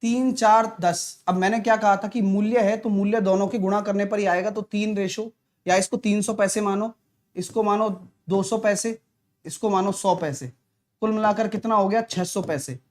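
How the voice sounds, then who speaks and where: A male maths teacher with a sore throat, giving a live online class in a soft voice and clearing his throat often. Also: sits high, steady tone, normal speed. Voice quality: clears throat often, talks softly to spare it. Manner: chatty, teasing, answers viewers' comments.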